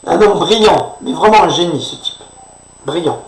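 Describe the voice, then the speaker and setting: A commentator with a high-pitched voice and moderate pace gives a sarcastic, indignant political rant, regularly finishing lines with a questioning "hein". The microphone sits far from him in an echoey room.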